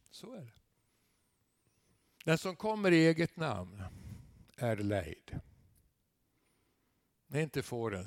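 A man's voice: medium pitch, no echo. Emphatic preaching man, dry sound. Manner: conversational preaching, rising to loud emphatic peaks; tag questions and asides to the congregation. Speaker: guest preacher. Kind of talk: sermon.

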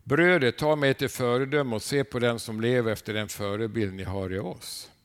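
Male preacher, mid-pitched with a gravelly edge; fervent sermon delivery, heavy on rhetorical questions. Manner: asks rhetorical questions, tags lines with a questioning "eh?"; animated storytelling with sudden rises in volume.

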